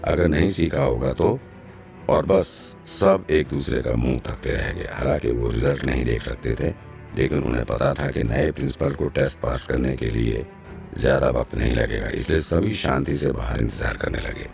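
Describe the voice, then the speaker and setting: Very deep, gravelly male storyteller. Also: moderate pace, darkish tone, faint music behind. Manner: dramatic, teasing asides. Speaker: narrator. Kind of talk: storytelling recap narration.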